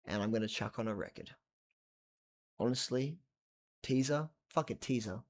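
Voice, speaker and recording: Late at night at home, a worn-out man reviews a record for his vlog, his medium-pitched voice moving at normal speed. The talk is loose and rambling, with occasional swearing and sentences that fade into mumbling.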